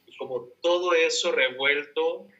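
A man's voice: fairly high pitch, unhurried, sharp tone. A man taking part in a workshop, talking casually in a group discussion. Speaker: workshop participant. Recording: dull, lo-fi audio.

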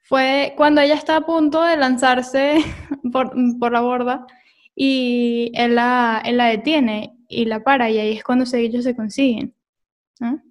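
A woman in casual film chat, chatty and quick to agree, with many fillers. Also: on the high side, little pitch movement.

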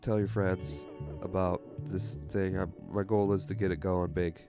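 A congested man hosts a podcast with a very low voice, rambling through self-deprecating jokes. Music plays clearly behind him. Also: steady tone, a little slow. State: congested from illness. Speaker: podcast host. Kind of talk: casual podcast chat.

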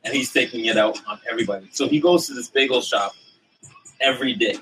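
Male podcast co-host, bright voice, slightly distant mic, casual banter. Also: medium pitch, quick pace, slight background noise. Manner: joking, teasing, repeats words. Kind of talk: casual chat.

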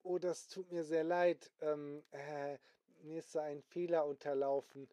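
A flustered apprentice magician in a bedtime story, apologizing and stumbling over fillers in a dark, mellow, slow voice, as a man puts him on. The sound is dry and close. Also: fairly high pitch, level tone, no room sound, close to an everyday voice. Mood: apologetic. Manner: hesitant, with many fillers.

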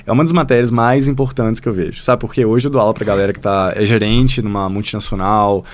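A man's voice: on the low side, fairly even intonation, quick pace. A man with a Brazilian Portuguese accent, a language school founder, who talks as a podcast guest. He tells stories in a rambling way, uses many fillers, and often addresses the listener directly. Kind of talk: casual podcast conversation.

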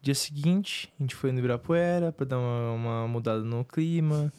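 A young man with a Brazilian Portuguese accent recounting a story in a casual couple vlog, relaxed and full of fillers. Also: mid-range voice, normal speed, smooth. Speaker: preacher and vlogger.

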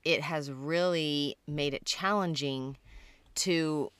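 A woman with a notably low yet bright, forceful voice talks thoughtfully on a casual podcast. She often asks questions and thinks out loud. The sound is dry and close. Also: takes it slowly, clean tone, no room sound. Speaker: podcast co-host.

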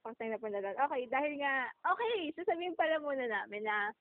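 A woman's voice: high-pitched, animated, fairly quick, dry recording. A young Filipino woman co-hosting a podcast, chatting and giggling over a phone call. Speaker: podcast co-host. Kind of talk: casual chat. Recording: tinny phone line.

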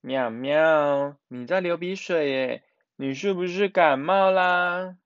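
A man doing a soothing, gentle mother. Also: fairly high pitch, slow, clean tone, no room sound, muffled recording. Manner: soothing, coaxing. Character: gentle, caring young mother.

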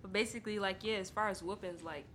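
Bright-voiced young woman. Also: medium pitch, steady tone, fast, a little hiss or hum. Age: young adult. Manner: rambling, heavy use of like. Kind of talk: casual chat, slangy.

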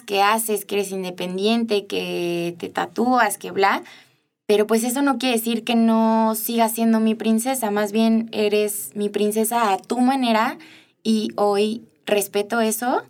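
A young woman with a Mexican accent, chatting with her mother and telling a personal story with frequent laughs. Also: mid-range voice. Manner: warm storytelling, laughing often. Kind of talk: casual chat.

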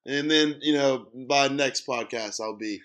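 A man's voice: mid-range voice, a little slow. A man co-hosting a casual sports podcast, getting fired up and ranting. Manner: animated, gets fired up and rants. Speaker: podcast co-host.

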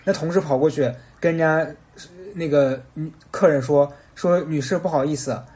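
A man co-hosting a podcast, retelling anecdotes in a relaxed, casual chat and voicing the people in them. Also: on the high side, moderate pace. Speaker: podcast co-host.

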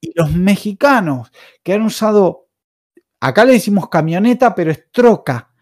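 A man's voice: high-pitched, expressive, moderate pace, darkish tone, dry recording, studio quality. An Argentine man with an accent from Argentina, hosting a casual podcast chat, passionate and opinionated, wandering through his points. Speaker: podcast host.

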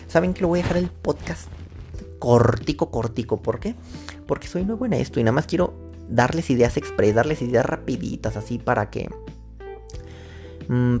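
A man's voice: medium pitch, a little mellow. Give me a rambling Mexican man hosting a podcast. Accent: Mexican Spanish. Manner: rambling, slangy, thinks aloud and wanders off topic. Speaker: podcast host. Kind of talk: casual solo podcast chat. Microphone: own microphone.

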